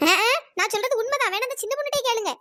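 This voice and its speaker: Squeaky, very high cartoon village women who bicker and scheme over snacks they won't pay for, all put on by one woman. They talk fast and teasing. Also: sharp tone, no room sound. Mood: quarrelsome. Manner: teasing, quarrelsome village banter. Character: group of scheming village women customers, cheeky and loud. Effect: pitched-up voice. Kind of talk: cartoon voice acting.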